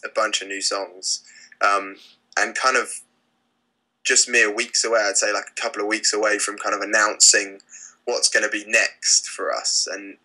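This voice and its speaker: Young British singer in a relaxed chat: lowish voice with a very bright edge, halting with plenty of fillers. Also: male voice, poor audio. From Britain. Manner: relaxed, hesitant, lots of fillers and restarts. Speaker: lead singer of a rock band. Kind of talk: casual interview.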